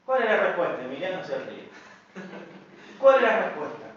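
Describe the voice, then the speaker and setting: A pastor delivers an earnest sermon and keeps calling his listeners brother and sister. His voice sits fairly high for a man. The sound is dull and rings through a reverberant church hall. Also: very animated, normal speed, slight background noise. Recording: echoey, dull church recording.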